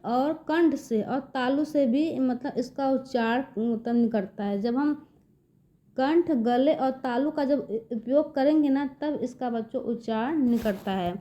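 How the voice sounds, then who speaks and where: A woman's voice: high voice, unhurried, warm tone. A woman teacher patiently explaining to children, repeating herself and guiding them step by step. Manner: patient, repeats "देखिए बच्चों" often. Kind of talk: slow classroom explanation to children. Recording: dull lo-fi recording.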